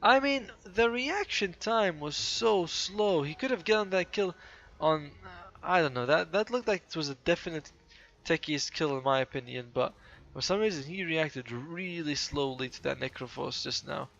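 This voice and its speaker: A man's voice: a little high, expressive, moderate pace, creaky, a bit bright, muffled recording. A tired, yawning man giving casual, chatty play-by-play commentary on a game replay, often correcting himself mid-sentence.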